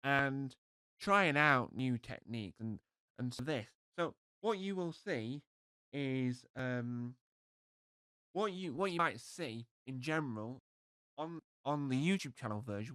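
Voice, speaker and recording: A man's voice: mid-range voice, sharp tone, clean tone, no room sound, clean studio sound. A man chatting casually on a live stream, rambling and joking, breaking off his own sentences. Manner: chatty, self-interrupting, jokey.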